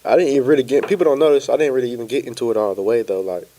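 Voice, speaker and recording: A young man from Florida, a podcast guest telling his story in an easygoing, relaxed way. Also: mid-range voice, very fast. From Pensacola, Florida. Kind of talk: casual interview chat.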